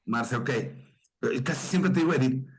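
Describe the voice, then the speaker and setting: A man with a Mexican accent, a pastor leading a Bible study, who reads verses slowly and stops to explain them and question his listeners. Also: medium pitch, slightly rough, rough recording.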